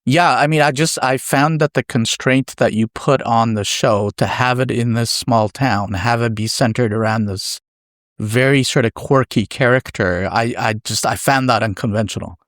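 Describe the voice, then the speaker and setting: A man hosting a podcast interview, asking measured and friendly questions. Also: mid-range voice, fairly bright tone, no echo, studio quality. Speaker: podcast host.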